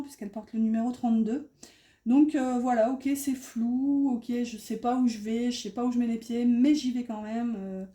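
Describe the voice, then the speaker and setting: A woman's voice: fairly high pitch, mellow. A woman with a slight northern French accent giving a casual tarot reading to viewers, hesitant and full of fillers as she talks through each card. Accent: northern French (ch'ti). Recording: echoey room.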